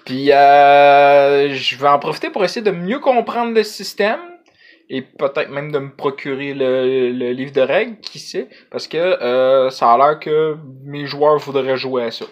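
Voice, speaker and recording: A man's voice: mid-range voice, expressive, a little slow, lo-fi sound. A man with a Quebec French accent chatting casually to camera as a vlogger, hesitant and rambling, in colloquial slang.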